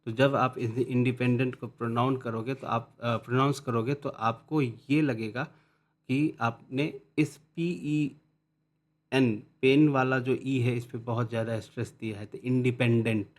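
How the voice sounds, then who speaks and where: A man explaining English word stress in a lesson, mixing in English terms and reading definitions slowly and carefully. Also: mid-range voice, fairly even intonation. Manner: mixes Hindi with English terms. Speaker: teacher.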